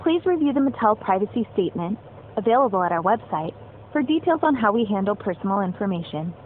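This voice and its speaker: A woman's recorded phone menu message, a polite, measured scripted announcement for a customer service line. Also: medium pitch, sing-song. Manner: polite, measured, evenly paced. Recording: tinny phone line with faint hiss.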